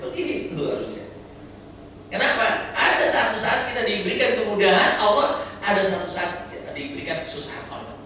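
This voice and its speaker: A man delivers a lively sermon to a pilgrim group and keeps throwing questions at his listeners. His voice is bright and a little high. He is recorded from some distance in a hall with heavy echo, with faint background ambience. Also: a little fast, slight background noise. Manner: lively preaching with rhetorical questions. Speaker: umrah pilgrimage instructor.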